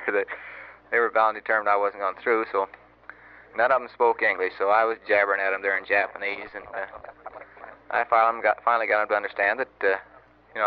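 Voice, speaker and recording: A young man talking in a low, unhurried voice, rambling through his story with many pauses and fillers. The sound is an old wire recording, muffled and dull, with a faint hiss underneath. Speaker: Marine sergeant recording an audio letter. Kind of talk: casual spoken letter, storytelling.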